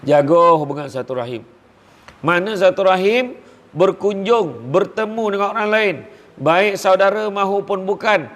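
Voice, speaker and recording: A man with a Malaysian Malay accent giving an animated, jokey religious talk, acting out the people he quotes. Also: sits high, moderate pace, in a large hall. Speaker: preacher.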